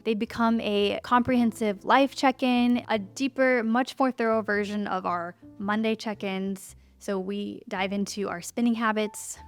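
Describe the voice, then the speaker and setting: A woman in her thirties who is pregnant and a little out of breath. She chats in a friendly, cozy way in a sit-down vlog and laughs often. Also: mid-range voice. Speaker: lifestyle YouTuber.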